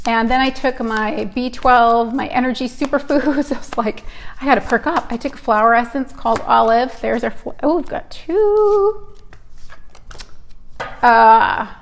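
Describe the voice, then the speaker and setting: A woman's voice: on the high side, steady tone, moderate pace, creaky, slight background noise. A middle-aged woman hosting a casual live-stream card reading, chatty and rambling, often cutting herself off mid-thought. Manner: chatty, rambling, hyper and self-interrupting.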